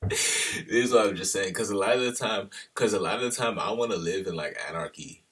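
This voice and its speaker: Low husky guy rambling on tangents, kinda far from the mic, lots of slang. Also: brisk, a bit bright. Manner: slangy, loose, wanders off on tangents. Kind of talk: casual rambling monologue. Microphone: camera held at a distance.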